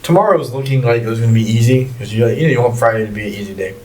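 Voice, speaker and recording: An easygoing man in his late thirties, mid-pitched, rambles through stories from work and life. He sits a little away from the mic, so he sounds slightly distant. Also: rapid-fire, darkish tone. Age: 30s. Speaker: podcast co-host. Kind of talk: casual chat.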